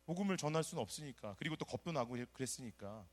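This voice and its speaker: A middle-aged man from South Korea, a pastor preaching a sermon and telling his own story, animated and acting out the people he quotes. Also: mid-range voice, quick pace. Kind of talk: sermon with personal testimony.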